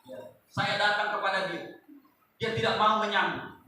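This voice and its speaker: Pastor guy preaching, really high sharp voice, booming one sec then hushed the next, echoey church from far off. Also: fairly even intonation, measured pace, slight background noise. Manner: preaching with sudden loud rises and quiet asides, addressing the congregation. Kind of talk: sermon. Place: large church hall.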